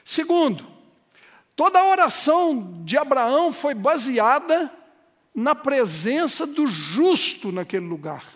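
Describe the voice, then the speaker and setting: Preaching as pastor, a man builds toward emphatic, emotional passages and acts out conversations with churchgoers. His voice is extremely high and fairly bright, and a long hall reverb fills the recording.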